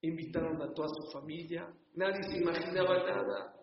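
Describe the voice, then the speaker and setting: A man tells a religious story to a congregation, dramatic and animated. His voice sits a bit high. It rings through a long hall with dull, muffled sound. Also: normal speed, vocal fry, crowd noise. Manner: dramatic, animated, addresses listeners directly.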